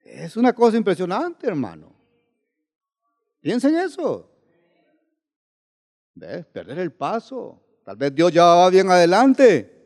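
Man preaching, slightly high voice, asks his listeners again and again, long church-hall reverb. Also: wildly swooping pitch, takes it slowly, long pauses, a little mellow. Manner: questioning the congregation with repeated tag questions. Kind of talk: sermon.

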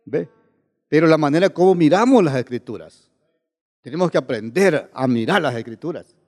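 A man's voice: fairly high pitch, lively intonation, moderate pace, darkish tone, in a large hall. A male preacher delivering a sermon and questioning his listeners over and over. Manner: questioning the congregation with repeated tag questions.

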